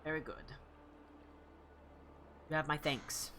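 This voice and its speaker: A man's voice: fairly high pitch, fairly even intonation, takes it slowly, background noise. A man putting on a stately old matriarch. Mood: formal, gracious. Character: dignified older woman matriarch, grave and commanding. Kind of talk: tabletop role-play voicing.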